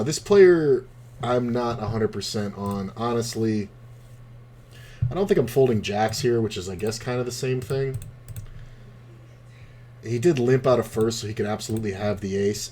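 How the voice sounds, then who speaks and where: Profane, rambling man with a low voice. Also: mellow, a little hiss or hum. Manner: rambling, profane, laid-back storytelling. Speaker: poker streamer. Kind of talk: casual commentary while playing online poker.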